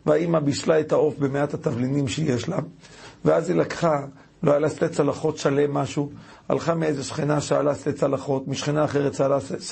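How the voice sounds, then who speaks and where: Rabbi giving a sermon; gravelly, very husky, slightly high voice; dramatic storyteller. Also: male voice, darkish tone. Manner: dramatic storyteller, rising pitch on key words.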